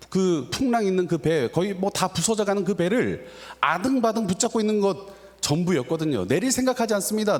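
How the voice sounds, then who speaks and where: A man preaching a sermon as a pastor, talking with dramatic swings in his voice. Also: fairly high pitch. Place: church sanctuary. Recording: reverberant church hall.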